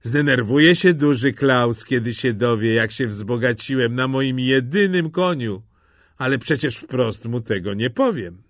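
A man's voice: medium pitch, lively intonation, unhurried, no echo, clean studio sound, lightly acted. A man voicing a sly, cunning poor peasant, bantering with playful mock fear. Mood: sly teasing.

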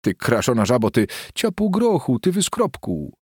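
A man reading an audiobook, voicing a shrill, sharp-tongued peasant wife who scolds and mocks her husband. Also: wildly swooping pitch, normal speed, breathy edge, no room sound, clean studio sound. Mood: scolding. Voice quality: shrill, mocking and jeering.

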